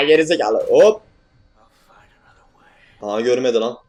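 A man's voice: a little high, sing-song, slow pace, pushed and bright, soft background music. A young man commentating a horror game as he plays, swearing and yelping at scares, then laughing them off. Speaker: gaming YouTuber.

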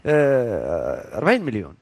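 A man with a Moroccan accent hosting a talk show, firing off quick teasing questions at his guest. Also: medium pitch, huge pitch swings, gravelly, breathy edge, no room sound. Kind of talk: casual interview, rapid-fire questions. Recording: loud music behind the talk.

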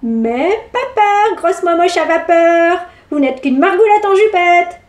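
A woman's voice: very high voice, lively intonation, slow, pitched above the performer's own voice, full character voice. A woman voicing a clever, mischievous little boy who is polite at first and then talks back, in a storybook reading. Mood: cheeky. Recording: echoey room.

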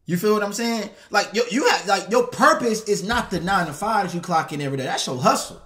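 A man's voice: sits high, expressive, quick pace, pushed and bright. A man hosting a casual livestream and reading viewer messages, talking in blunt, profane street slang. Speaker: channel host.

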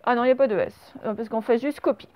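A woman teaching young children a spelling and dictation lesson, speaking slowly and patiently and spelling words out letter by letter. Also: a little high, warm tone. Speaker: primary school teacher. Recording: slightly dull, lo-fi home recording.

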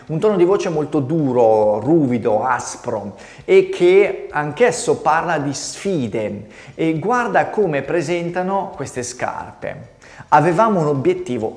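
A man explaining marketing communication in a conversational video lesson, often turning to the viewer with rhetorical questions. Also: mid-range voice. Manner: conversational, addresses the viewer directly with frequent rhetorical "no?". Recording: roomy echo with long reverb.

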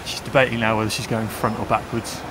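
A man's voice: on the low side, little pitch movement, a loud crowd. A man radio presenter giving teasing live commentary on an outdoor tower. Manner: teasing, brisk running commentary. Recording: distant voice with outdoor noise.

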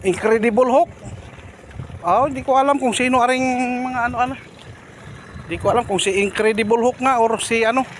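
High-voiced man vlogging outdoors. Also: brisk, long pauses, slight background noise. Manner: chatty, directs people for photos. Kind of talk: casual travel vlog.

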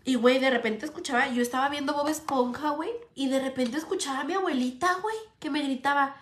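A woman's voice: sits high, fast talker, a bit bright. A young Mexican woman vlogging to the camera in a crude, slangy, swearing chat, calling her viewers sisters. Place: indoor set.

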